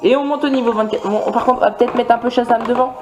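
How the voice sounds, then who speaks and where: A man's voice: very high voice, fairly even intonation, fast, dull audio, over music. A man doing casual gameplay commentary, rambling along with many fillers and restarts. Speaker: video game let's player.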